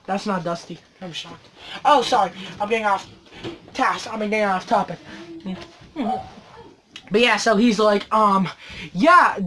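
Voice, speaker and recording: A woman vlogging in a profane, sarcastic rant that swings between loud outbursts and low mutters. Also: a little slow, pauses often, slight background noise. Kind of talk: ranting casual vlog.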